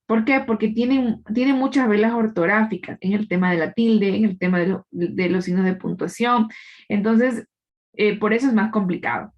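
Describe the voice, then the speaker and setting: A woman's voice: medium pitch, fairly even intonation, normal speed. Woman teacher with a dull lo-fi sound. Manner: explains patiently, often adds tag questions; quizzes the class. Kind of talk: live online class lecture.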